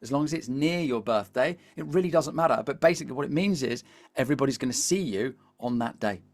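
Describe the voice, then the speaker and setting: A British man leading a live webinar as a coach, chatty and animated, constantly asking the audience to reply in the chat. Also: medium pitch, quick pace. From Britain. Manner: peppers speech with "all right?" and "here's the thing". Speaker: LinkedIn coach.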